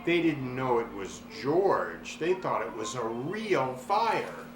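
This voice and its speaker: A man reading a children's storybook aloud with expressive, dramatic delivery and drawn-out words. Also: mid-range voice. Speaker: story reader. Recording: roomy echo, clear background noise.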